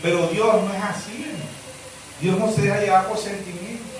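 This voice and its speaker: A male pastor with a Zulian Venezuelan accent, preaching a sermon in which he swings from high shouted questions to low muttered asides. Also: fairly even intonation, brisk, noisy background. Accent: Zulian Venezuelan Spanish. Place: church hall. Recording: echoey church hall, mic far off.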